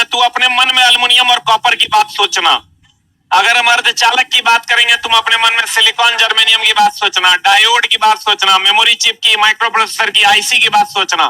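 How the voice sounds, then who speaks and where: A man's voice: very high-pitched, pushed and bright, recorded from a distance, rough recording. A male teacher with a Bihari Hindi accent, giving a chatty classroom lecture and quizzing the students. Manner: chatty, asks the class questions.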